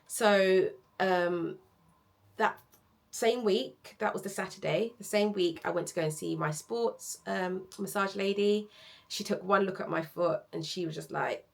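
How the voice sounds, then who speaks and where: A woman telling a story casually to viewers as a running vlogger, animated and candid, acting out what people said. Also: mid-range voice, unhurried, creaky. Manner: animated, candid, acts out quoted speech.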